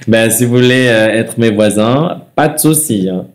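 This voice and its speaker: A young man with a slightly stuffy nose, hosting a live webcam chat from his living room and answering viewer comments in a soft, relaxed way. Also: medium pitch, moderate pace. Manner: soft-spoken and relaxed, sings between replies. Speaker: livestream host. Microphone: webcam mic.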